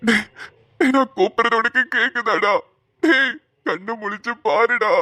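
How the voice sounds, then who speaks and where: A woman's voice: a little high, normal speed, pushed and bright, no room sound, studio quality. A woman voicing a devoted, emotional elder brother in a cartoon, calling out anxiously and pleading. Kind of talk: cartoon voice acting.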